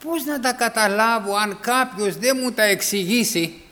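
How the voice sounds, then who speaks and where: A man's voice: high-pitched, sharp tone. A man preaching a sermon, emphatic, repeating key phrases and acting out the voices in his stories. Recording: echoey hall.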